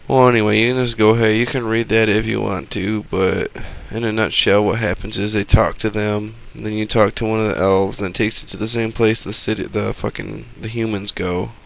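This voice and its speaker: A man's voice: fairly low pitch, little pitch movement, fairly quick, gravelly, hardly any pauses. A man giving casual game commentary as a voice-over, rambling, profane and sarcastic.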